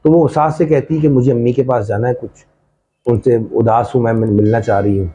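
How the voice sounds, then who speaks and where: A man's voice: mid-range voice, fairly even intonation, a little fast, dark tone. A man telling a family story in a casual, conversational way, speaking straight to the listener, on slightly dull lo-fi audio. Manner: conversational, addresses listener directly.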